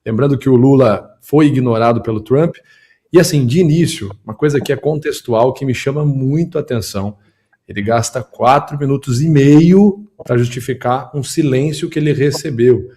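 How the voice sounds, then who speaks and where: A man hosting a political commentary show, breaking down clips quickly and emphatically for his viewers. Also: mid-range voice, mellow. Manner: quick, emphatic, analytical, talks to the audience and production. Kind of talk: video commentary and analysis.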